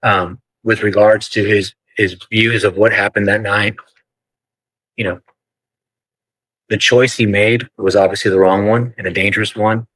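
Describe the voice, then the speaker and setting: A man arguing formally in court as a defense attorney, measured and deferential to the judge. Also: on the low side, level tone, a bit bright, no room sound, rough recording.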